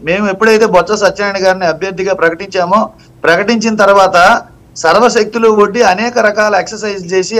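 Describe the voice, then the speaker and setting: Party spokesman on a tv debate, high voice for a guy, keeps repeating lines to hammer it home. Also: fairly bright tone, rough recording. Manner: emphatic, repeats phrases for effect. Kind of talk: live TV panel debate.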